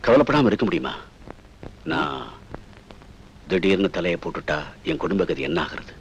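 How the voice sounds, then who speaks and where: A man's voice: sits low, big pitch swings, moderate pace, vocal fry, slight background noise, heavily acted. An actor playing an ailing older father-in-law who speaks in an earnest, pleading way. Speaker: head of the family, father-in-law. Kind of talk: film drama acting.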